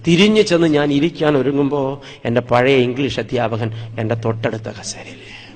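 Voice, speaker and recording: A man's voice: mid-range voice, moderate pace. A man from Wayanad in Kerala, a priest preaching a sermon, telling his own life story dramatically and acting out the scenes.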